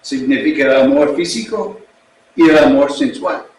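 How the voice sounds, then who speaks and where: A male pastor with an English accent, a native English speaker preaching a sermon in a language he is still learning, slow and deliberate. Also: a little high, a little mellow, slight background noise. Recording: echoey room, distant mic.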